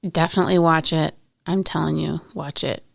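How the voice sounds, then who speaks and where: A woman's voice: low voice, steady tone, a little fast, gravelly, no room sound. A woman co-hosting a podcast, chatting casually in an agreeable, supportive way. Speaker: podcast co-host. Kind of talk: casual chat.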